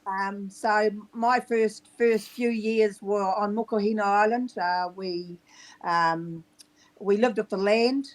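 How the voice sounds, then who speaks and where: Middle-aged New Zealand woman, guest; hesitant, soft-spoken, steady mid-range voice. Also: mid-range voice, takes it slowly, low-quality recording. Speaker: podcast guest. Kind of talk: casual interview talk.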